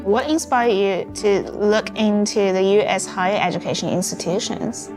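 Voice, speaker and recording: A woman's voice: mid-range voice, normal speed, poor audio. Woman from Shanghai over music. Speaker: college junior. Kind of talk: promotional video interview. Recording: music bed under voice. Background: background music.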